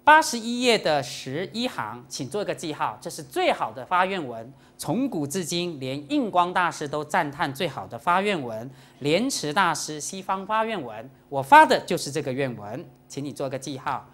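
Animated Buddhist nun lecturing. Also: female voice, low voice, normal speed, few pauses. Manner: lively, teasing, jokes with the audience; mixes in English words. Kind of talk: dharma lecture. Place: lecture to a live audience.

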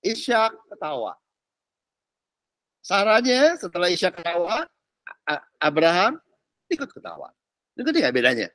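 A middle-aged pastor teaches a class in an easy, chatty way, his fairly high voice leaping up and down in pitch. English words pop up in his speech, and the sound is close and dry with no room around it. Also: measured pace, pauses often, no room sound. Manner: animated, mixes in English words and slang. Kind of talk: casual sermon teaching.

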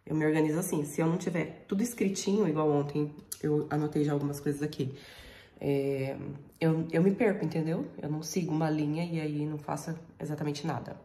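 A woman's voice: deep voice, steady tone, a little fast, warm tone. A woman chatting casually to camera, affectionate and laughing often, filmed in her car and at home. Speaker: vlogger and mother. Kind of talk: casual vlog chat.

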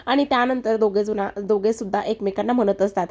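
A woman's voice: mid-range voice, fairly even intonation, fast, a little mellow. A woman retelling a TV serial episode, addressing the viewers directly in running present-tense narration. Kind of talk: storytelling recap of a TV serial.

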